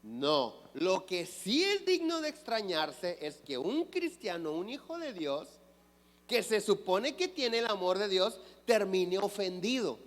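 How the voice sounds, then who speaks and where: A man preaching a sermon in a slow, unhurried delivery, his voice sitting high for a man. He asks his congregation questions and answers them himself. The sound carries the long reverb of a church hall. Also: very animated. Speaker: pastor. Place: church sanctuary.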